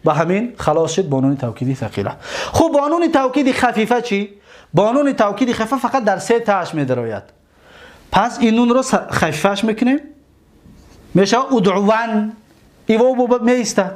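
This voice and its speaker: A man with a Tajik-accented Persian voice teaching an Arabic grammar lesson, reciting verb forms slowly and often checking that listeners follow. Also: high voice, sing-song. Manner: drills verb forms slowly, stretching each word.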